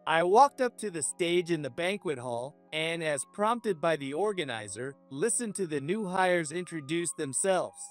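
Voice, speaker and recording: A man narrating a scripted first-person story in an even, measured way. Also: a little high, faint music behind.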